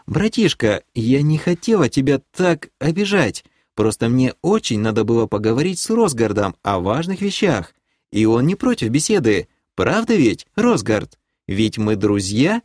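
A man voicing a haughty, scheming noblewoman who leads a clan in an audiobook; he raises his voice to play her, and she talks in a sweetly condescending way that turns sharp. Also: medium pitch, sing-song, normal speed, dry recording, clean studio sound. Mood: coaxing. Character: haughty scheming female baroness, clan leader.

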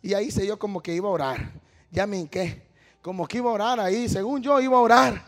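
A man preaching a sermon as a testimony, telling a story and calling out "hermano" as he builds to shouting. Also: high voice, fast talker. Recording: long hall reverb.

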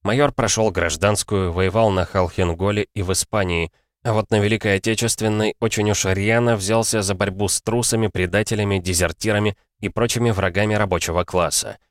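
A man narrating an audiobook in a steady, measured reading. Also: lowish voice, dry recording, clean studio sound.

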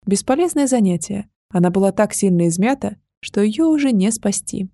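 A woman narrating a first-person fantasy audiobook with wry, lively storytelling. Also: medium pitch, normal speed, dry recording.

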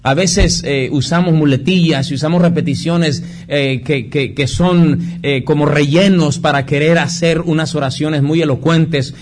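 A man's voice: fairly high pitch, unhurried, few pauses, background noise. A Mexican man preaching a sermon, telling personal stories, acting out dialogue, with frequent restarts. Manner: storytelling preacher who acts out dialogue with many restarts. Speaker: pastor.

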